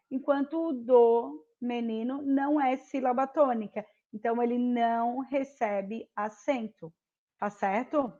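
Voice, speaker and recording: A woman's voice: fairly high pitch, darkish tone, muffled recording. A woman teaching a primary school class online, patient and explaining step by step, checking often that the children follow. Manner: slow, patient, repeats and checks with "tá certo?".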